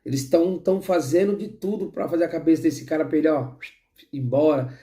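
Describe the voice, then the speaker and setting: A man's voice: fairly high pitch, quick pace, mellow. A Brazilian man with a Brazilian accent giving heated, rambling football opinions with frequent restarts. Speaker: football commentator. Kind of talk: opinionated casual football talk.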